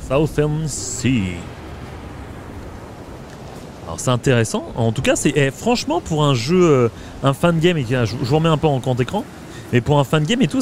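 A man's voice: on the high side, background noise. A man giving casual, hesitant gameplay commentary with many filler sounds. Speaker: let's play gamer. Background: game music.

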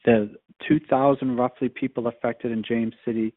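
A father speaks frankly and plainly in a public comment. His delivery is flat and even. He comes through a dry, tinny phone line. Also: medium pitch, moderate pace, no room sound.

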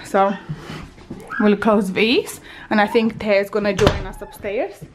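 Over crowd noise, a woman in her thirties speaks slowly in a mid-range voice with fairly even intonation while filming a house tour on a handheld camera. The vlogger walks through the bathroom and bedroom indoors, chatty and often correcting herself.

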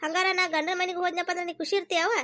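A woman's voice: very high voice, little pitch movement, very fast, bright, forceful tone. A woman voicing a young village daughter in a cartoon, with a North Karnataka Kannada accent and a plaintive, questioning manner. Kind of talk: cartoon voice acting.

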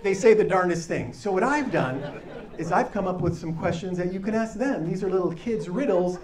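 Deadpan stand-up comic on a live stage. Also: male voice, sits high, fairly quick, echoey room. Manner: deadpan, dry asides to the crowd. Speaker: stand-up comedian. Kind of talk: stand-up comedy set. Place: comedy stage before a live audience. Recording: live stage, mic at a distance, audience laughter. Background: audience laughing.

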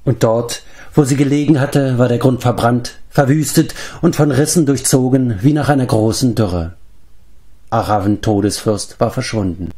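A man reading a fantasy novel aloud as an audiobook, in measured, steady storytelling. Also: mid-range voice. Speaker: audiobook reader. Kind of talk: scripted narration of a fantasy novel.

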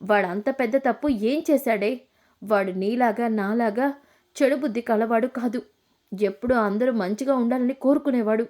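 Woman voicing a sharp-tongued scheming grandmother. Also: a little high, moderate pace, lightly acted. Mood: furious. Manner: scolding, demanding questions.

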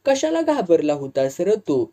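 A man doing a calm village elder. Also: high-pitched, unhurried. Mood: curious. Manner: soothing, questioning.

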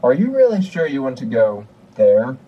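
A man's voice: medium pitch, very animated, moderate pace, slightly rough, highs cut off. A man voicing a grumpy computer opponent in his own game, speaking in a sarcastic robot voice. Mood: sulky sarcastic. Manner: sarcastic robot voice, dry and sulky.

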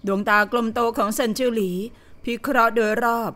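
A woman reading an audio novel as narrator, in steady storytelling delivery. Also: on the high side, a little fast. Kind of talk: scripted narration.

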